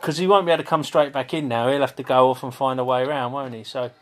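Give me a playful, chatty man rolling dice as a tabletop game player, medium-pitched. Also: fairly even intonation, fast talker, a little hiss or hum.

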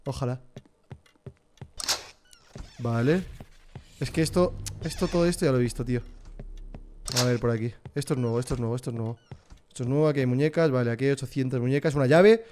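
A man's voice: mid-range voice, fast, long pauses, dark tone, a little hiss or hum. A young man with a Spain Spanish accent, jumpy and swearing while commenting live on a horror game for his chat. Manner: profane, jumpy, talks to chat. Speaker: streamer.

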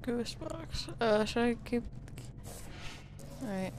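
A woman's voice: fairly high pitch, expressive, slow pace, background noise. A woman giving let's play commentary, jumpy and swearing when startled. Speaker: gamer.

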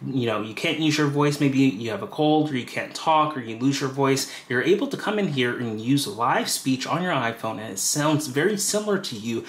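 A man with a mid-range, slightly bright voice casually talks viewers through setting up a phone, one step at a time, dropping fillers like "you know." He's a tech tutorial presenter doing a screen-recorded how-to, and the room sounds roomy and echoey.

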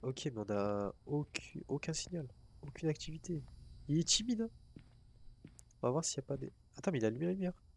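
A man's voice: fairly high pitch, animated, a little fast, gravelly, darkish tone, a little hiss or hum. Chatty man narrating his gameplay. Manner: chatty, talks to himself and to the ghost, swears casually. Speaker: gamer. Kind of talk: casual let's-play commentary.

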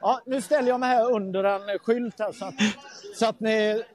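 Halting man reporting live from the street. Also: high voice, steady tone, a little mellow. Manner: halting, many fillers. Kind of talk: casual live phone report. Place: outdoors on a city street.

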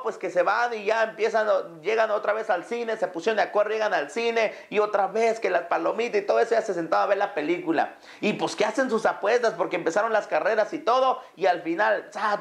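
A man telling a parable to his audience, often speaking to them directly and pausing on hesitant fillers. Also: sits high, vocal fry. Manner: addresses listeners directly, many hesitant fillers. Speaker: motivational business speaker.

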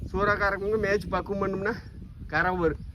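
A man with a noticeably high voice and a Tamil Nadu accent presents animals for sale in an informal walk-through. He is recorded outdoors on a farm, with slight noise behind him. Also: fairly even intonation, a little fast. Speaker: cattle farm seller, presenter.

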